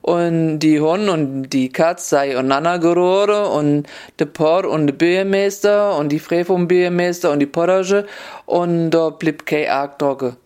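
A man tells a village folk tale in a broad Upper Hessian dialect. His voice sits a little high and sounds smooth and resonant. He reads with lively turns, lifting his pitch for shouted quotes. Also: unhurried. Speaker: storyteller.

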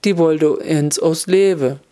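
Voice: medium pitch, slow, natural voice. Hissing old cat, as a narrator puts her on. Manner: hissing, sharp.

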